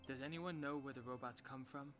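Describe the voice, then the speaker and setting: A man plays a composed young companion from a video game, speaking in a level, quiet tone. Game music plays clearly behind him. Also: mid-range voice, fairly even intonation, a little fast, close to an everyday voice. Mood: calm.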